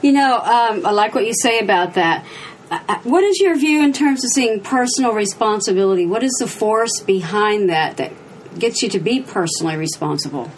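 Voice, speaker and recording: A woman's voice: medium pitch, animated, normal speed, slight background noise, rough recording. A woman hosting a panel discussion, asking questions in a friendly, hesitant way. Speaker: host.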